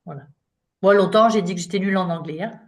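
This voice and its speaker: A woman's voice: medium pitch, fast. A woman in her late fifties, a coach giving an informal talk in French, chatty and self-mocking with frequent fillers. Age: 50s. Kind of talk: live online talk to an audience.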